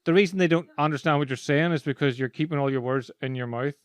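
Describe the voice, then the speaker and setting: This Irish podcast host and speaking coach talks fast in a somewhat high, clean-toned voice. In casual conversation he's an animated storyteller who keeps laughing mid-sentence.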